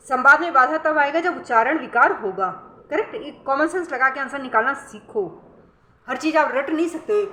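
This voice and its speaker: A high-voiced woman teaches an exam-prep lesson, slipping Indian-accented English terms into her talk. She coaxes her students and keeps checking that they follow. The sound is bright and sharp, in an echoey room with a faint hiss behind. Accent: Indian English words mixed into Hindi. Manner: coaxing, calls students beta, keeps asking "correct?".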